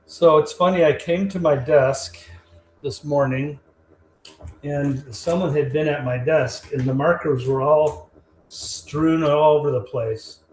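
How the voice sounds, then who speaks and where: A man's voice: a little high, slow, darkish tone. Man with a tinny metallic echoey voice. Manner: joking, easygoing. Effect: tinny metallic tin-can sound. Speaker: co-host, trivia presenter. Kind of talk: casual live-stream chat. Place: at his desk, away from the host. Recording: echoey tin-can remote audio, faint hiss.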